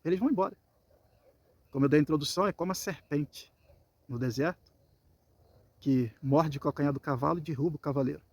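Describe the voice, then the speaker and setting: Brazilian male preacher, slightly high pitch, casual scripture teaching. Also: fairly quick, long pauses, a little mellow, no echo. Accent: Brazilian Portuguese. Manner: reads scripture then explains it conversationally, acting out voices. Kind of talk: Bible teaching sermon.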